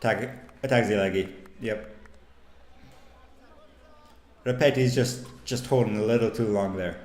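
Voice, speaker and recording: A man's voice: fairly low pitch, measured pace, darkish tone. A tired, laid-back man giving casual fencing commentary. He repeats words as he thinks. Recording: roomy echo.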